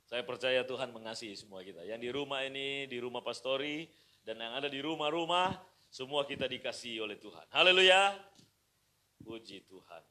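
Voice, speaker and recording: A middle-aged man from Indonesia preaching a sermon as pastor at home, moving from quiet asides to shouted praise. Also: mid-range voice, expressive, moderate pace. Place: pastor's house.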